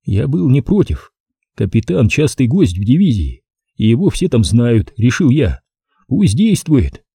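A man narrating a first-person audiobook in a measured storytelling manner. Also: mid-range voice, big pitch swings, creaky, warm tone, husky, no echo, studio quality.

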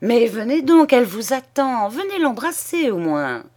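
A woman's voice: on the high side, very animated, a little slow, pitched above the performer's own voice. A woman doing a boisterous, exultant middle-aged father. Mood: overjoyed. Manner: exclamatory, loud, boisterous. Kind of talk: audiobook character voice.

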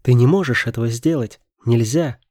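A man reading a tearful, pleading young woman in an audiobook thriller. Her lines come a touch higher and louder than the narration, urgent and begging, while the timbre stays warm and dark. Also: level tone, normal speed, no room sound, studio quality, close to an everyday voice.

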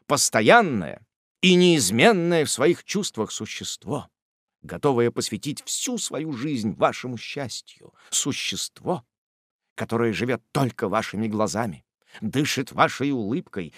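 A man's voice: medium pitch, a bit bright, dry recording, studio quality. Fields: Voice: a man doing a gushing, ardent suitor. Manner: declaiming. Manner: effusive, declaiming, drawn-out exclamations. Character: ardent, gushing middle-aged male suitor.

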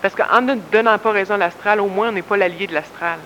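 A man asking quick, prompting questions in conversation. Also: sits high, pushed and bright, long reverb tail, muffled recording, slight background noise.

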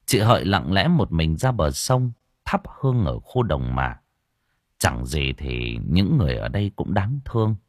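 A man narrating a story slowly and dramatically, letting his voice swell at tense moments. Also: sits low, no room sound, clean studio sound. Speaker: audiobook narrator. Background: faint background music.

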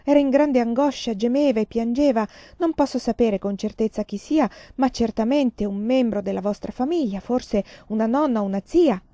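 A calm, evasive fortune-telling nun who answers softly and with deference, voiced by a woman reading a novel aloud. The tone is dark and mellow. The storybook recording is dry and dull. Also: a little high, normal speed, hardly any pauses, no room sound, voice pushed up, close to an everyday voice. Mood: apologetic. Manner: soft, hesitant and deferential.

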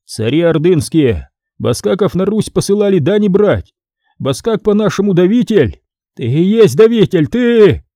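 A man's voice: high-pitched, big pitch swings, moderate pace, dark tone, no echo, studio quality, pitched above the performer's own voice. A man voicing a harsh, greedy medieval tax scribe who talks down sternly and threateningly.

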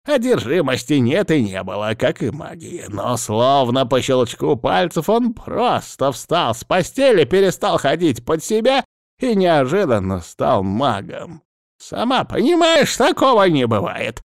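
Man voicing a bitter old healer, strained high yelling with a gravelly edge, very slow and dry, curt. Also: huge pitch swings, dry recording, exaggerated voice. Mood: grumbling. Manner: shouting, strained and drawn-out. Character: irritable old male healer, furious and bitter.

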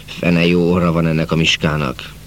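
A man voicing a gruff coachman who grumbles slowly. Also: low voice, level tone, a bit bright, a little hiss or hum. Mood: grumbling. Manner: slow, grumbling.

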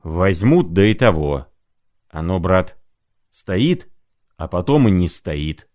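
Guy doing a sick muddled old clerk, rambling broken phrases, low and slow. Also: big pitch swings, a little mellow, full character voice. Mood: muddled, pleading. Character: feverish poor old clerk, muddled and pleading.

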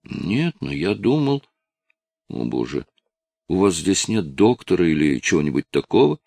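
Male reader doing a pleading young addict, whiny and anxious, gravelly low voice, dry sound. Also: big pitch swings, unhurried, mellow, no echo, full character voice.

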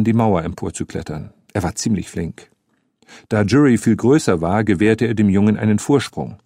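A male narrator with a husky, somewhat low voice reads a story in a steady, measured way. He is recorded close on the mic in a dry, dead-sounding studio. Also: dry recording. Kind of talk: scripted narration.

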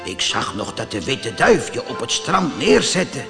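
A man voicing an old male woodcarver, a gentle father, in a storybook reading. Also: mid-range voice, sing-song, measured pace, creaky, in a large hall, music in the background. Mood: tender.

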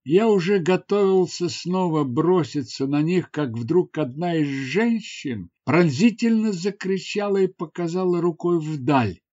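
Slow, expressive male audiobook narrator. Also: on the high side, muffled recording. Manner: dramatic, expressive reading. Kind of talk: first-person novel narration.

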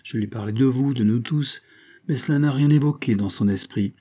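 A man reading an audiobook and voicing a tender, earnest young man in a slightly raised, lively tone. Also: medium pitch, moderate pace, breathy edge, natural voice.

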